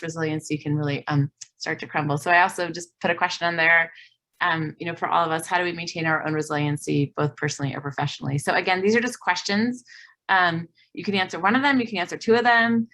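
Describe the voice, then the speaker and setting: A woman's voice: lowish voice, fairly even intonation, fast, fairly bright tone. A woman facilitating a community video meeting, earnest and full of fillers. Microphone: video call.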